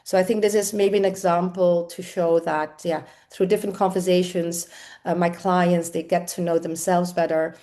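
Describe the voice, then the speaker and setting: A woman's voice: fairly low pitch, little pitch movement, moderate pace, dark tone. A middle-aged woman from the Netherlands, an executive coach, answering interview questions in a thoughtful way with frequent fillers.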